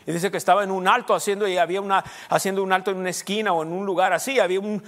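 A man's voice: high-pitched, steady tone, rapid-fire, fairly bright tone, long reverb tail. A man preaching a sermon in a conversational way, often quizzing his listeners with questions.

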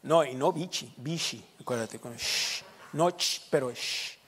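A man with a Sonoran Mexican accent, a pastor preaching a sermon with lively asides and jokes to his congregation. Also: medium pitch, a little slow, big-room sound. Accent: Sonoran Mexican Spanish. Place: church.

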